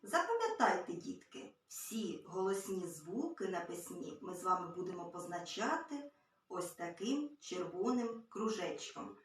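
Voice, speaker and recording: A woman teaching a literacy lesson to small children, gently and patiently. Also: lowish voice, sing-song, unhurried. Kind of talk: early-years literacy lesson. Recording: very echoey room, far from mic.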